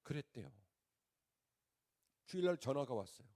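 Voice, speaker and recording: Animated preacher man. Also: mid-range voice, normal speed. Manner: animated storyteller, swings between loud outbursts and hushed asides. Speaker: pastor, revival preacher. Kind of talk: sermon storytelling. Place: church sanctuary.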